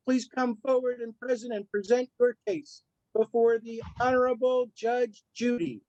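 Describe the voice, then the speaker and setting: A formal court bailiff, played by a woman who announces the case in a measured, official tone. Her voice sits fairly high. The sound is dry and close. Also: a little mellow, no echo, lightly acted, poor audio.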